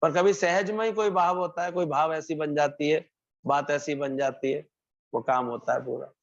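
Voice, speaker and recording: A man's voice: on the high side, steady tone, normal speed. Man giving a satsang talk, storytelling style, kinda dull lo-fi sound. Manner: storytelling, acts out characters' lines, repeats phrases. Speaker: satsang preacher. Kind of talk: devotional sermon with parable. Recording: muffled lo-fi recording.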